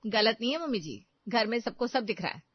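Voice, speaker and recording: Woman playing bitter elder bahu in a cartoon story, kinda high voice, complaining nonstop, dull lo-fi sound. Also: lively intonation, a little fast, breathy edge. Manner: bitter, complaining, sharp retorts. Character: resentful elder daughter-in-law, young woman. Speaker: elder daughter-in-law. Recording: dry, dull lo-fi voice track.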